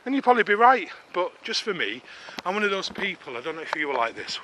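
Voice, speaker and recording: A man's voice: high-pitched, big pitch swings, quick pace, bright, forceful tone, low-quality recording. A middle-aged man narrating a casual walking vlog in a chatty, self-deprecating, rambling way, slightly out of breath, recorded on a camera mic. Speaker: vlogger. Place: outdoors on a woodland walk. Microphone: camera-mounted mic while walking. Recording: outdoor noise and clicking.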